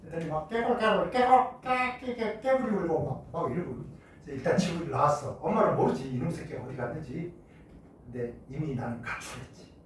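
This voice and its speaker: A middle-aged man from Jeju Island telling a childhood story in a classroom chemistry lecture, acting out shouting voices along the way. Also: a little high, brisk, a little hiss or hum. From Jeju Island, Korea. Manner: animated, acts out shouting voices in his stories. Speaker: chemistry teacher. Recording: echoey room, mic far off.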